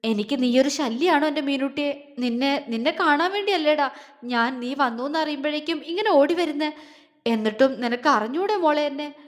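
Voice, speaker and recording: A woman's voice: sits high, moderate pace, long reverb tail, lightly acted. A woman voicing a young man torn by love, talking in a pleading, emotional way with his voice cracking. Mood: tearful tender.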